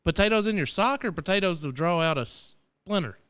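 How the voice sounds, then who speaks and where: Joking man, high lively voice. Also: brisk, clean tone. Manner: joking, swears freely, laughs often. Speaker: podcast co-host. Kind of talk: casual live radio banter.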